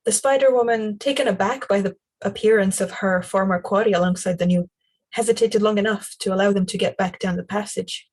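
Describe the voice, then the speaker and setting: A woman reading a novel aloud in a calm, measured way. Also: mid-range voice. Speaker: storyteller.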